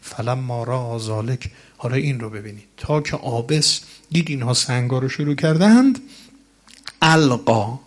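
A male preacher telling a religious story in a sermon, slowly reciting Arabic passages and then retelling them with dramatic swells. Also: medium pitch, lively intonation.

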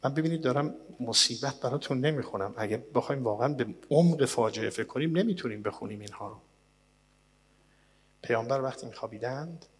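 Man, husky voice, dramatic sermon, loud bursts and hushed lows, long hall echo. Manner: dramatic, swinging from loud declaiming to hushed low tones. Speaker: preacher. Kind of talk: sermon reading and translating Arabic sources. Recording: long reverb, as in a large hall.

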